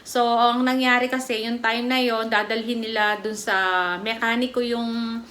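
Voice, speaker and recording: A woman's voice: on the high side, level tone, a little slow, fairly bright tone. A middle-aged woman from the Philippines gives a casual personal testimony as a vlogger, chatty and rambling, with many fillers and restarts. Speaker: vlogger giving a product testimony.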